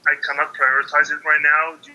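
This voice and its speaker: Young man, hesitant, flat and bright tone, phone-line sound. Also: on the high side, fairly quick. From Qatar. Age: young adult. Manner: hesitant, many ums and restarts. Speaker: laid-off engineer seeking career advice. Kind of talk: interview over a call.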